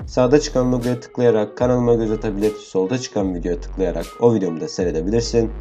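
A young man giving casual, excitable commentary over his mobile game as a gaming channel host, repeating words in bursts and grumbling to his viewers. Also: lowish voice, fast, soft background music. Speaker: gaming YouTuber. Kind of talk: live gameplay commentary.

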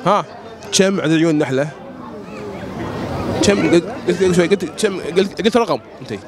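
Fast, high-voiced Kuwaiti man hosting outdoors. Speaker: street quiz show host. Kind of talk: prize announcing and street quiz hosting. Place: outdoor fairground at night. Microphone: handheld microphone. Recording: busy outdoor crowd behind voice. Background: crowd chatter.

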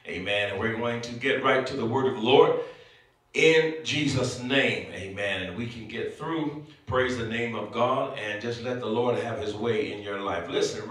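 A man's voice: medium pitch, fairly bright tone. A man preaching a sermon at a pulpit microphone, dropping frequent amens between phrases. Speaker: bishop preaching. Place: church sanctuary. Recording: echoey church sanctuary, mic at a distance.

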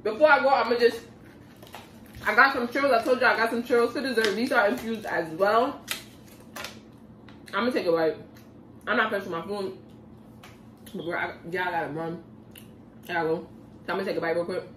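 A woman's voice: mid-range voice, a little fast, pauses often, bright, forceful tone, a little hiss or hum. A woman vlogger chatting casually in slang while eating, talking between bites at home. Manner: laid-back and slangy, talks between bites. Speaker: mukbang vlogger. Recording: echoey room from a distance.

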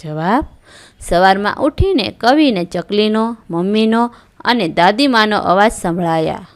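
Clear-voiced woman teaching a lesson. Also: mid-range voice, animated. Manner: clear and measured, reads questions then answers. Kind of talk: reading a textbook lesson aloud.

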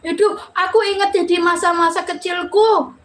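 A woman's voice: very high-pitched, steady tone, moderate pace, fairly bright tone. A woman hosting a casual live stream, chatting and reading out viewers' names with frequent laughter.

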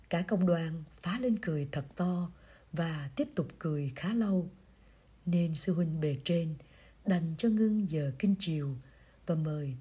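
A woman reading a priest's pastoral reflection aloud in a gentle, measured storytelling way. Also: fairly low pitch. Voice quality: very breathy, husky voice. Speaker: reader of a priest's pastoral letter.

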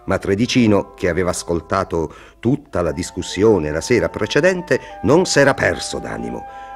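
A man narrating a fairy tale for children, expressive and talking to them directly. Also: low-pitched, normal speed, vocal fry, faint music behind. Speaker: storyteller.

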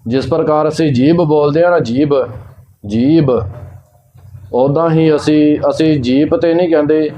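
A man teaching Punjabi scripture recitation, chanting each line slowly and then explaining where to pause and how to pronounce words. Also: fairly high pitch, fairly even intonation, warm tone, highs cut off.

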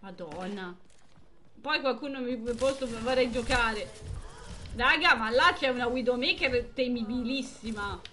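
Bright-voiced excitable woman streamer. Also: fairly high pitch, unhurried, a little hiss or hum. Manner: excitable, exclaims and chats with viewers. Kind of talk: live gameplay commentary.

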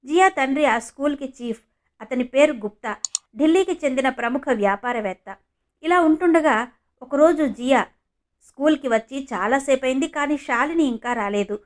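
A woman reading a scripted story as narrator, in an even storytelling manner. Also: high-pitched, moderate pace.

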